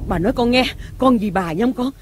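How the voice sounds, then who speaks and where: A woman's voice: a little high, a little fast, slightly rough. An actress playing a flustered, scheming noble lady in a comic opera scene, coaxing in a fussy, exasperated way.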